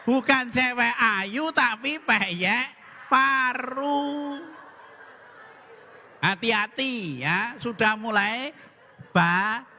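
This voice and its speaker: High, bright-voiced priest joking in a reverberant hall. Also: male voice, drawn-out words, long pauses, a little hiss or hum. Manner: jokey storytelling, acting out dialogue. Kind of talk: humorous sermon.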